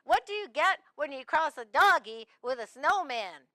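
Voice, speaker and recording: A woman's voice: high voice, animated, moderate pace, pushed and bright, no room sound. A woman voicing Freddie, an eager, chatty, childlike sidekick who tells jokes.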